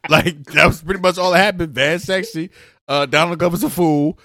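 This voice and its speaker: A young man co-hosting a podcast, rambling and halting as he chats casually about a TV episode. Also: fairly high pitch, steady tone, sharp tone, no room sound, studio quality. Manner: rambling, halting, lots of filler. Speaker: podcast co-host.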